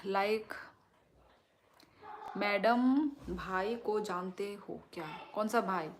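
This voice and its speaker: Woman livestream host, strong loud voice, slow and chatty, middle pitch, phone mic. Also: slight background noise. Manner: chatty, thanks viewers and asks for likes. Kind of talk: casual livestream chat reading viewer comments.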